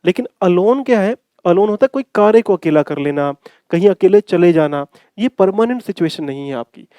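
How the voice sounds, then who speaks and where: A man's voice: high-pitched, animated, normal speed, dark tone, no echo. Man teaching grammar in mixed English. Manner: calls students "bhai". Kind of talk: exam-prep grammar lesson.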